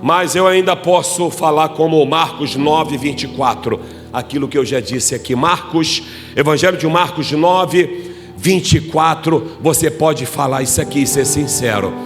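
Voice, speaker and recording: A man preaching a fervent sermon as pastor, rising to shouted climaxes and dropping to hushed pleading. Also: on the high side, measured pace. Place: church hall. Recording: reverberant church hall with music behind.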